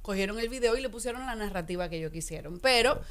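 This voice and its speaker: A Dominican woman in her thirties, a guest telling her side of a story in a radio studio interview, emphatic and animated. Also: medium pitch, quick pace. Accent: Dominican Spanish. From Dominican Republic. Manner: animated, emphatic storytelling with lively hand gestures. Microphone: studio mic on boom arm.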